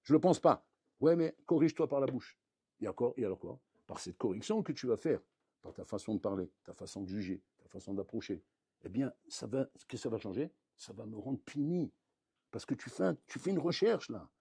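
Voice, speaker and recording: A man, a rabbi, giving a lively Torah lesson, acting out little dialogues and swinging between loud outbursts and quiet asides. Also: medium pitch, brisk, vocal fry, slightly rough, dry recording, clean studio sound. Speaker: rabbi teaching a Torah class.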